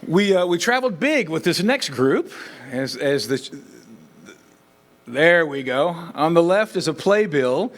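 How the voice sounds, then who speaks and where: Animated man presenting awards. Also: fairly high pitch, measured pace, a little hiss or hum. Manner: animated, reads long name lists with filler words. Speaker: school district presenter. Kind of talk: award presentation at a board meeting. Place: school board meeting room.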